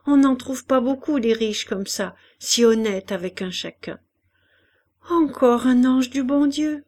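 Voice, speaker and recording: A woman reading aloud and voicing a poor, bedridden old woman who flatters and prays without pause, in a storybook reading. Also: sits high, voice pushed up. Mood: wheedling. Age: older. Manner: fawning, pious, chattering.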